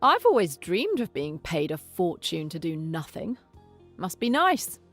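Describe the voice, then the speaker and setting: A woman's voice: fairly low pitch, sing-song, unhurried, fairly bright tone, soft background music, full character voice. An actress with an English accent playing an inquisitive young woman investigator in a video game, probing and wry in manner.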